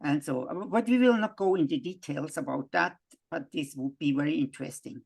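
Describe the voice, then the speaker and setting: A man from Switzerland, giving a halting worldview lecture full of restarts and fillers. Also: on the high side, creaky, husky.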